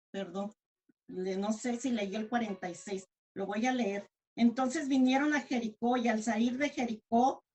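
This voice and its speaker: A woman preaching a sermon in a Mexican accent, her voice sitting a little high. She speaks earnestly, restarting words and correcting herself as she goes. When she quotes a desperate plea, she cries it out. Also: darkish tone. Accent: Mexican Spanish.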